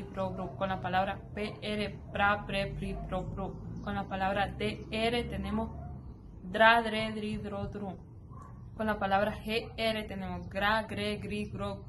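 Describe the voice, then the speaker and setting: Slow woman reciting syllables over noise. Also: mid-range voice, level tone. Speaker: student presenter. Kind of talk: class presentation reading syllable drills. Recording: clear background noise.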